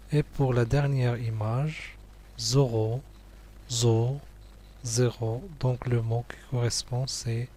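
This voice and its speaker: A man teaching young pupils, going slowly through a worksheet, repeating each word and praising answers. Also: medium pitch, warm tone. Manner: slow, patient, repeats words and praises answers.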